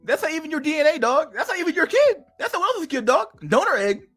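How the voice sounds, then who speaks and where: A man's voice: extremely high pitch, very animated, fast, bright, forceful tone, no room sound, soft background music. A man in his thirties reading an article aloud on a stream, then breaking off into crude, mocking rants with frequent laughter. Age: 30s. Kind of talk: casual livestream commentary.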